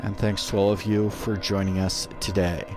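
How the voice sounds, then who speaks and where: A man with a low voice narrates a live broadcast from a studio, translating in short, halting bursts. Music plays clearly behind him throughout. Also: flat delivery. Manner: interprets in short, halting phrases. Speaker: radio commentator and interpreter.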